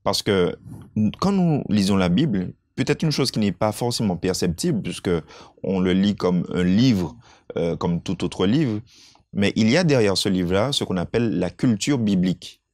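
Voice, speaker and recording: A man thinks aloud in a Bible lesson discussion, his voice low-pitched. The sound is dry and close, and he keeps turning his points into rhetorical questions. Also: animated, moderate pace, darkish tone, no echo. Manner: reflective, asks rhetorical questions. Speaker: Bible study co-host.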